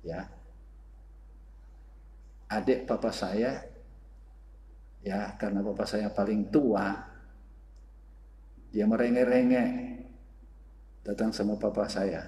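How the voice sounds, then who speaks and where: Lower-voiced pastor preaching in echoing church. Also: male voice, steady tone, takes it slowly, long pauses, slight background noise. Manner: storytelling preacher, swings from quiet asides to fervent exclamations. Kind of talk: sermon. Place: church hall. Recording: echoey church hall livestream.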